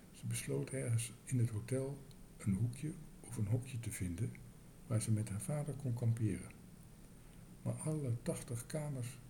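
A man reading a children's story aloud in a lively, expressive way. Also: medium pitch, creaky, background noise.

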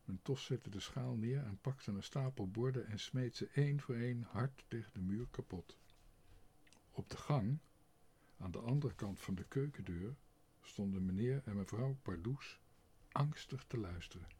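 A man narrating a children's storybook aloud in an expressive, unhurried way. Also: medium pitch, slightly rough. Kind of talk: storybook reading.

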